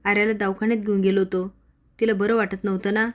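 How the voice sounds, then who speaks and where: A woman's voice: mid-range voice, level tone, quick pace, close to an everyday voice. A woman voicing a young husband who is apologetic, evasive and coaxing.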